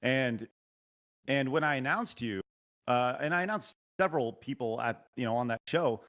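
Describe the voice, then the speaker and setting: A man with a medium-pitched, fairly bright voice at a moderate pace hosts a show, interviewing a guest casually over a remote call mic. The audio is choppy and keeps breaking up, and he rambles with hesitation, lots of filler and restarts.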